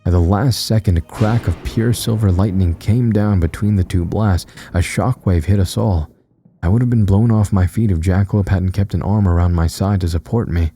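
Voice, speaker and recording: A man narrating a horror story in a slow, steady, measured reading. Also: deep voice. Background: soft music.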